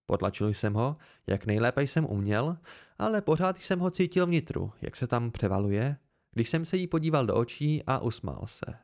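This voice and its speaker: A man reading a novel aloud as an amateur audiobook, in an even, measured way. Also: medium pitch. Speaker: audiobook reader.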